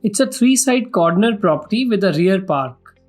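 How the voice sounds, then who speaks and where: A man's voice: high-pitched, lively intonation, moderate pace. A man with an Indian accent giving a formal, scripted property tour as a vlog host, in a salesman-like way. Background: background music.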